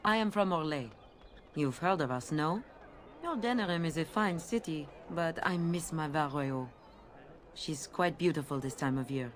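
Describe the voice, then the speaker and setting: A woman playing a courteous, wistful émigré flower seller in a video game, with a French accent and formal, gently questioning phrasing. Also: deep voice, normal speed, a little hiss or hum, natural voice. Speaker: market merchant. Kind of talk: video game character dialogue.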